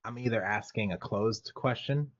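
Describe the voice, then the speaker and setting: A man's voice: lowish voice, normal speed, no room sound, highs cut off. A man hosting a casual video call interview, affirming his guest and joking along. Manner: affirming, jokey, lots of "mm". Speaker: host.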